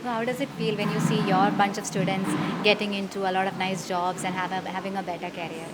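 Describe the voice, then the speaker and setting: A woman's voice: mid-range voice, little pitch movement, quick pace. A woman interviewing award winners on a red carpet, politely prompting them with short acknowledgements. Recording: noisy crowded event. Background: crowd chatter.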